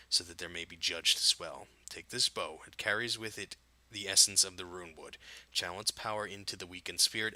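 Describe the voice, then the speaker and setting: A man's voice: deep voice, pushed and bright, dry recording, rough recording. A man reading a game quest giver's formal, archaic lines aloud in a near-plain voice.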